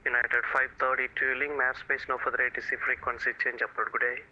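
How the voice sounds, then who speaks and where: A man with a very sharp, forceful voice speaks as an air traffic controller. He gives clipped procedural instructions at a medium pitch through a band-limited radio. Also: level tone, fast, dull audio. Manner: clipped aviation phrases. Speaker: air traffic controller in online flight simulation.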